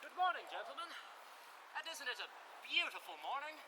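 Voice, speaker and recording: A man playing a swaggering, mock-courteous gentleman outlaw in an outdoor stage play. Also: extremely high pitch, sing-song, moderate pace. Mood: jaunty charm. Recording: noisy outdoor live stage recording.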